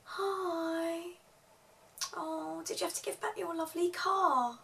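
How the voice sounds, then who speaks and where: Overlooked Cockney daughter played by a woman, high and unhurried, wry phone-call monologue, slightly distant mic. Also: vocal fry, fairly bright tone, exaggerated voice. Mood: sympathetic, wry. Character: put-upon younger East End woman, overlooked daughter and sister. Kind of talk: acted monologue, one side of a phone call. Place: small indoor room, plain wall.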